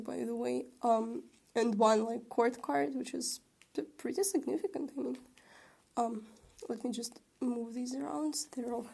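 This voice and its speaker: A woman's voice: fairly high pitch, gravelly, darkish tone, slightly rough. A young woman hosting a casual tarot reading, rambling and chatty with lots of fillers, her voice a little shaky from a recent sore throat. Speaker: tarot reader and channel host.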